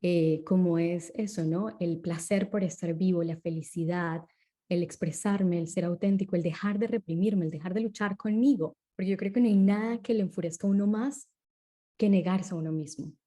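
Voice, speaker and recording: A woman with a mellow, warm voice, talking as a guest in an interview. She explains things calmly and steadily, pausing now and then to check that the listener is following. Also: lowish voice. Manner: calm and explanatory, often checks in with tag questions.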